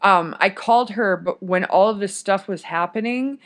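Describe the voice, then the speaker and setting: Woman guest, chatty storyteller, wanders off topic, mid-pitched voice. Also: moderate pace. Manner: rambling, goes off on tangents. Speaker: podcast guest. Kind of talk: casual storytelling. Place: podcast studio.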